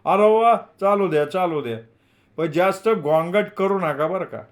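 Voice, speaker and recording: A man reading a novel aloud, voicing an older male landlord with a raised, loud, chatty rustic manner. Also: high-pitched, normal speed, pitched above the performer's own voice, natural voice. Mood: fussy, genial. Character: older male village landlord, fussy, talkative.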